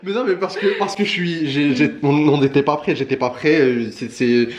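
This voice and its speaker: A man's voice: a little high, normal speed, over a noisy crowd. A young man chatting casually with his partner, hesitant and stammering. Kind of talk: casual chat. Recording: echoey room.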